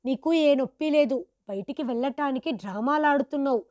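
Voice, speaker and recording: A woman's voice: high-pitched, fairly quick, no echo, studio quality, pitched above the performer's own voice, lightly acted. A woman voicing a harsh grown son who angrily scolds his sick father in a storybook tale. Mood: angry scolding. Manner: shouting, scornful scolding.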